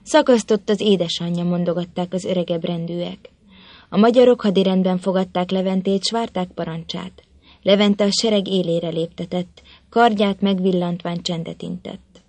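A woman's voice: fairly low pitch, steady tone, warm tone, dry recording. Woman narrating a tale in a dry voice. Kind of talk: storybook narration.

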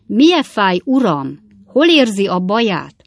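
A woman voicing a cheeky, quick-witted young male servant who teases with mock innocence. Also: mid-range voice, big pitch swings, no room sound, clean studio sound, pitched above the performer's own voice. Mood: teasing.

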